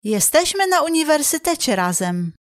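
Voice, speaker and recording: A woman reading short phrases slowly and clearly for a language lesson. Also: sits high, big pitch swings, no echo, studio quality. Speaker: phrase reader in the learner's language.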